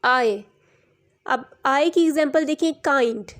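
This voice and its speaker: A woman's voice: high voice, takes it slowly, a bit bright. A woman teacher, giving a recorded English lesson and sounding words out letter by letter with explanations in Urdu. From Pakistan.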